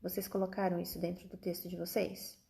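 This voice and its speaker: Brazilian woman, primary teacher, mellow tone, crackly fry, talking directly to children, frequent little check-in tags. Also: lowish voice, little pitch movement, brisk. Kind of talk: online Portuguese lesson for children, explaining and reading out instructions.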